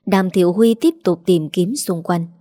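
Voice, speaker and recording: Woman narrating a story, mellow tone. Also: lowish voice, unhurried, dry recording, studio quality.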